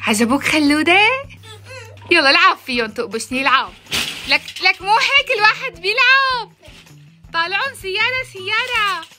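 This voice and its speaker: A woman's voice: very high-pitched, animated, a little fast, background noise. A woman, chatting playfully in a family vlog and cooing baby talk at her son. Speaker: mother and family vlogger. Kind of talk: casual family vlog chat.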